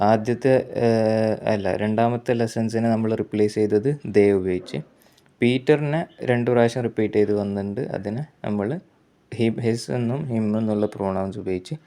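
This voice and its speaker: A man with a Malayali accent teaches English grammar in a patient, repetitive way, with a somewhat low voice. He stops to correct himself and reads each example sentence very slowly and deliberately. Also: dark tone, smooth. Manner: slow, repetitive explaining with self-corrections. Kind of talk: explanatory grammar lesson.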